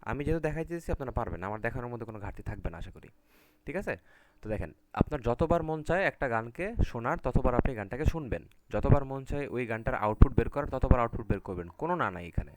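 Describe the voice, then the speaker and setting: A man's voice: medium pitch, expressive, fast talker, background noise. A man teaching a live online class over a video call, talking casually and often checking in with his students. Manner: casual, repeats "ঠিক আছে?" to check in with students.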